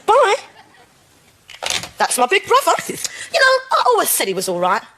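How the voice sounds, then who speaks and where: An actress playing a playful, dramatic young wife in a sitcom. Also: female voice, very high-pitched, huge pitch swings, moderate pace, full character voice. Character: playful, romantic young wife teasing her brother. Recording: loud studio audience and noise.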